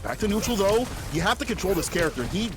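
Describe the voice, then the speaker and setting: A man commentating a live fighting game tournament, joking and excitable in his play-by-play. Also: high voice, quick pace, over music. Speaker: esports commentator.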